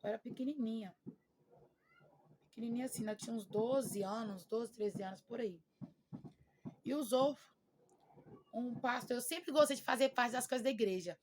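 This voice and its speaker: Woman, young adult, Brazilian Portuguese accent, personal testimony, emotional, slightly high voice. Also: moderate pace, pauses often, slight background noise. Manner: emotional, repeats words for emphasis.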